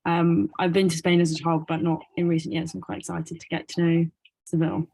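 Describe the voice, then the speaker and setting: A woman introduces herself casually on a video call. Her fairly low voice is monotone, with clear vocal fry. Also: fairly quick.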